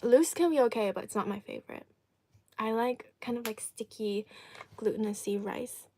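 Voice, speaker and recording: A woman's voice: fairly high pitch, moderate pace, a little mellow. A woman live streaming an eating show, chatting casually and answering viewers while chewing and talking with food in her mouth.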